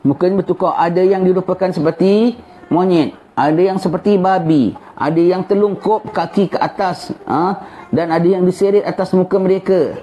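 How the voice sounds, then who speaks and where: A man's voice: sits high, moderate pace, mellow. A man teaching a live religious lecture, repeating phrases and prompting his listeners with "ya" and "ha?". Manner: repeats phrases, tag "ya" and "ha?" to the audience. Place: gathering with children present. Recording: muffled lecture recording with faint hiss.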